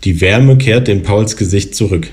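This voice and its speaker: A man in his thirties reading from his own novel in a calm, even narrative voice. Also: fairly low pitch, normal speed. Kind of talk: literary reading.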